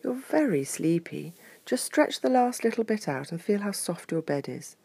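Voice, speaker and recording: A woman's voice: medium pitch, big pitch swings, normal speed, gravelly, breathy edge, no echo, voice pushed up, full character voice. Woman playing a kindly old grandmother bear. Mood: reassuring. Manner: soft, reassuring.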